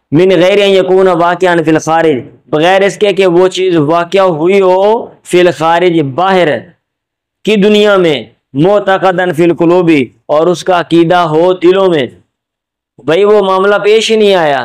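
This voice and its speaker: A man's voice: fairly high pitch, clear, resonant tone. A middle-aged man teaching a classroom lecture on Arabic Quran commentary. He goes step by step, often asks "ٹھیک ہے؟", and slips into Punjabi for jokes. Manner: explains step by step, checks with "ٹھیک ہے؟".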